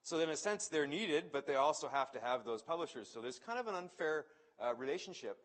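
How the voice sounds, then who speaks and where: A man's voice: on the high side, lively intonation, a little fast. A man speaking at a conference event, presenting in a conversational way that thinks aloud and often restarts phrases. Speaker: conference speaker introducing a panel. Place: event venue.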